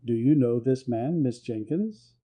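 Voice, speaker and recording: A man's voice: medium pitch, measured pace, muffled recording, close to an everyday voice. A man reading a blunt, protective boarding-house keeper. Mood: wary. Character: sharp, protective older woman who runs a boarding house.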